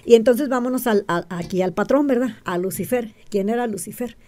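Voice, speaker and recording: A woman's voice: fairly high pitch, a little fast, mellow. A woman explains things as an interview guest, often checking in with the listener and asking rhetorical questions. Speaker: interview guest, self-described witch.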